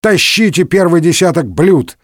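A man voicing a boastful, gluttonous, hulking male musketeer, loud and husky, in a storybook reading. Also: on the high side, expressive, moderate pace, dry recording, studio quality, pitched above the performer's own voice. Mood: blustering. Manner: loud and blustering.

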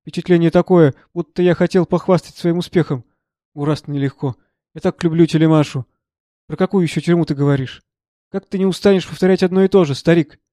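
Guy reading as an upset old professor, pleads, mellow tone. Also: a little high, fairly even intonation, a little fast, no echo, clean studio sound, lightly acted. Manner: agitated, earnest, pleading. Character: troubled gentle elderly male professor.

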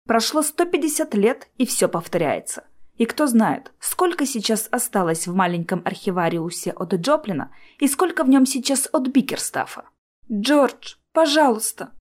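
A woman reading a first-person audiobook in a steady, tense storytelling manner. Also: mid-range voice. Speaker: audiobook narrator.

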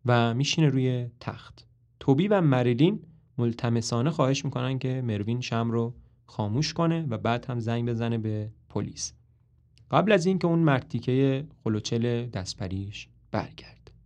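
Brief: male podcast narrator, mid-pitched, measured play storytelling. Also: darkish tone.

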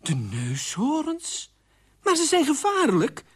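Man putting on a high indignant queen. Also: sing-song, quick pace, husky, full character voice. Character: sharp-tongued sensible young queen.

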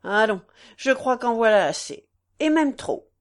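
A woman's voice: a little high, lively intonation, measured pace. A woman reading the part of a brutal, mocking aristocratic husband in a storybook, with blustering, harsh delivery. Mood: sneering. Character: brutal sneering aristocratic husband, middle-aged man.

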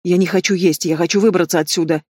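Guy doing a young noble girl in a storybook, high, defiant, close dry sound. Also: steady tone, fast talker, darkish tone, dry recording. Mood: pleading. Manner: pleading, emotional outbursts.

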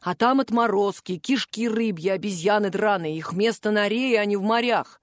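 A woman voicing a huge male troll who cooks on a pirate ship, with a rumbling, teasing voice. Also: moderate pace, dry recording, studio quality, close to an everyday voice. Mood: gruff teasing. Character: huge male troll ship's cook, booming bass, gruff but caring.

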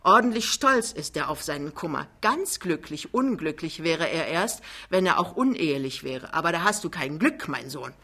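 A woman's voice: deep voice, lively intonation, normal speed, hardly any pauses, sharp tone, husky, exaggerated voice. A woman voicing a vain, boastful older mother with a triumphant, theatrical manner in an audiobook reading.

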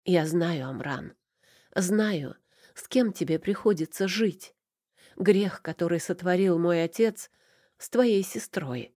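A woman voicing a frightened, tearful young wife who speaks in halting, pleading phrases in an audiobook. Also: lowish voice, warm tone, no room sound, studio quality. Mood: resigned.

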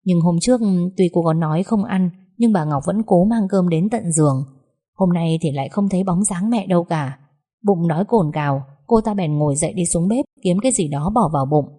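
A woman reads a family drama aloud in a low, mellow voice. Her narration is measured and even, with a warm, soft tone. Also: slightly rough. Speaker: storyteller.

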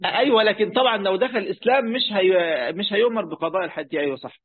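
Explaining a religious text in class, this Quran commentary teacher speaks with an Egyptian Arabic accent, keeping it conversational, full of fillers and questions for his students. His voice sits high and he talks fast, captured in dry, narrow, tinny audio.

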